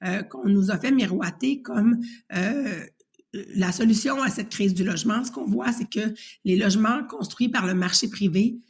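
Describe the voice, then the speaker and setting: A woman's voice: medium pitch, normal speed, gravelly. A woman housing advocate speaking in an assured, articulate interview manner.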